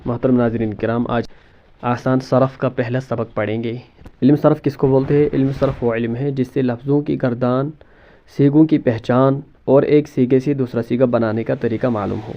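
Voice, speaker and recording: A man's voice: mid-range voice, fairly even intonation, muffled recording. Man teaching grammar, question-and-answer style. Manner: asks a question then answers it himself; repeats terms, mixes in English words. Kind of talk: classroom-style lesson explanation.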